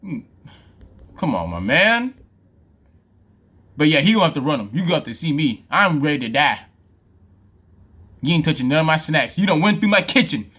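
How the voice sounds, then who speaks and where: High, bright-voiced man reacting casually. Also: very animated, normal speed, pauses often, husky. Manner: slangy, laughing, talks back at the video. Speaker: reaction video host.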